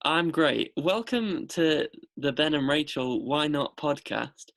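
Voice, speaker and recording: A man's voice: fairly high pitch, slow, vocal fry, a bit bright. A man hosting a podcast in casual chat, jokey and teasing. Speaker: podcast host.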